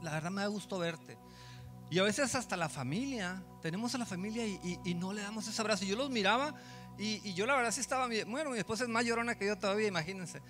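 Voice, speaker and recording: A man with a high, bright voice preaches an evangelical sermon in a church hall. He talks to the congregation in a warm, chatty way, repeats words often, and pushes his voice louder as he urges them on. Soft music plays underneath. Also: lively intonation, quick pace. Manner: conversational, repeats words, swells loud toward the end.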